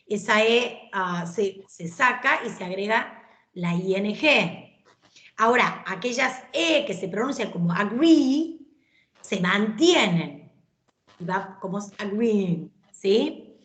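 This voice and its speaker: A woman's voice: medium pitch, animated, takes it slowly, fairly bright tone. Woman teacher, patient and echoey. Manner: explains patiently, often checking understanding with "¿sí?". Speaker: English teacher. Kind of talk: online class lecture. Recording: roomy echoey recording.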